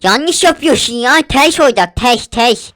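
A man's voice: very high voice, animated, unhurried, a bit bright, pitched above the performer's own voice, full character voice. A man voicing a bickering, cocky young male sidekick in a Minecraft gameplay role-play, teasing and arguing with his partner. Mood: stubborn. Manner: teasing, argumentative.

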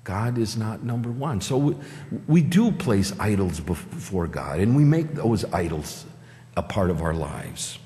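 This Upper Midwest pastor in his fifties sounds fairly low, dark and sing-song, unhurried as he preaches conversationally and asks the congregation questions. The pulpit mic picks up church hall reverb in the sanctuary.

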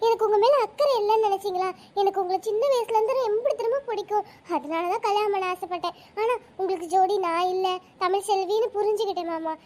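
A woman's voice: very high-pitched, fast, hardly any pauses, a little mellow. A woman voicing a sly young wife. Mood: pleading. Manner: sweet on the surface, sly. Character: scheming young wife, sweet-talking and sly. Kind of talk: cartoon voice acting.

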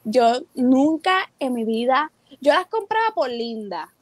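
A woman's voice: high-pitched, very animated, takes it slowly, no room sound. A young adult woman, a teacher and entrepreneur, telling stories as a guest in a casual interview and acting out her own quoted thoughts.

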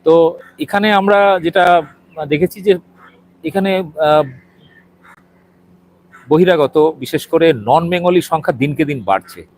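A man's voice: on the high side, unhurried, pauses often, slight background noise, low-quality recording. Hesitant man reporting on the street. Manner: hesitant, many fillers, guiding the viewer. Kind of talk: walking video report. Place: outside and inside a small restaurant.

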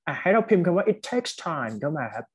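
A man's voice: high voice, expressive, rapid-fire, husky. A male university lecturer teaching an online test-prep class, chatty and encouraging, switching between two languages mid-sentence. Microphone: computer mic on an online video class.

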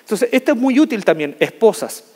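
A man with a notably high voice tells a funny personal story from a stage. He is animated and jokey and leans on key words for effect. His voice rings out with the long reverb of a large hall. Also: a little fast, slight background noise. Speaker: motivational speaker. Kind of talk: humorous storytelling talk to an audience.

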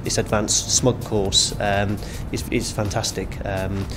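A man's voice: on the low side, little pitch movement, slow. A man giving a hesitant interview testimonial with fillers. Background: music bed.

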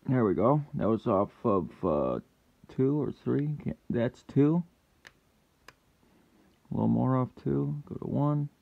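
A gravelly, mid-pitched man talks his viewers through a fiddly hands-on job, muttering his progress as he goes and now and then breaking into frustrated outbursts. The recording is a bit muffled and lo-fi, like a home setup. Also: lively intonation, takes it slowly, long pauses. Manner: muttering to himself while working, with sudden frustrated yells. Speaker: lockpicking hobbyist channel host. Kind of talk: casual hands-on commentary.

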